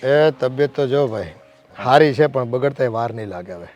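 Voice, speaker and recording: An actor playing a worried, elderly uncle who pleads earnestly about family strife. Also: male voice, mid-range voice, animated, moderate pace, darkish tone, dull audio, natural voice.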